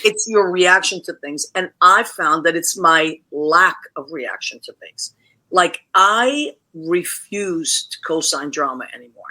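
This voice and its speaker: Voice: mid-range voice, lively intonation, a little slow, pushed and bright. A host in their forties, chatty and enthusiastic, asking questions in a casual interview. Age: 40s.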